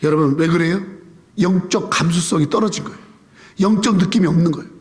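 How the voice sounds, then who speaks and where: A Korean-accented pastor in his fifties preaches a Sunday sermon in a church sanctuary. His voice sits high for a man, and he delivers with animated drama. He swings between emphatic lines and soft, hushed pleas. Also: quick pace. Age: 50s.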